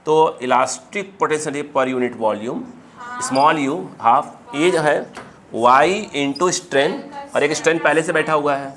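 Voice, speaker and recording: Guy teaching physics in a classroom, slightly high voice, dictates slow then rattles through explanations, faint room hiss. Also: fairly bright tone. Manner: dictates slowly, then explains fast and chatty. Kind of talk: classroom lecture.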